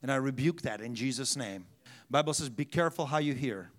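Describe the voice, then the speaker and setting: In a medium-pitched, expressive voice at a fairly quick pace, a pastor preaches his sermon. Frequent restarts and slightly broken English mark his delivery, which surges into loud, emphatic shouts and then softens.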